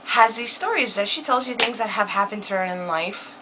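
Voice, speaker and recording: A young woman vlogging in a casual chat, animated and laughing often, and quick to curse. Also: mid-range voice, noisy background. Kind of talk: casual chat, swearing freely.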